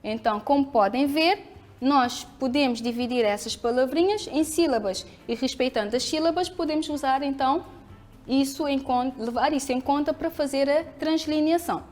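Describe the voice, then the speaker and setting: A woman with a European Portuguese accent teaches a televised school lesson, speaking clearly and patiently as she asks the pupils questions and answers them herself. Her voice is high with a darkish tone.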